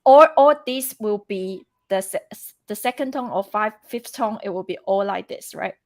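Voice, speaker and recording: Woman explaining tones in halting English. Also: mid-range voice, a little mellow. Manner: halting, repeats words, non-native English phrasing. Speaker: Chinese teacher co-hosting a live lesson. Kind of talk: casual live-stream teaching chat.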